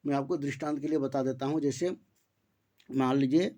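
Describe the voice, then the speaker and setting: A man teaching Sanskrit grammar online, explaining step by step, asking and answering his own questions, and reciting rules slowly syllable by syllable. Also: medium pitch, fairly even intonation, dark tone.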